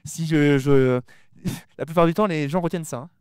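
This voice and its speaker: A man speaks at a conference with a darkish, mellow voice that sits a little high. He rushes his words and swallows them, restarting and repeating as he goes. The sound is dry and close. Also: smooth, dry recording. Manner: talks fast and mumbles his words. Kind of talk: lively conference talk addressing the audience.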